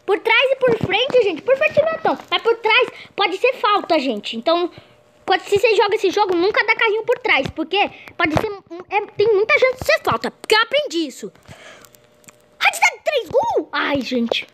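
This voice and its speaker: Very high, excitable young gamer girl. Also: moderate pace, a little hiss or hum. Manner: excitable, shrieks at goals, keeps saying "gente". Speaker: gameplay commentator. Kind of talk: excited gameplay commentary.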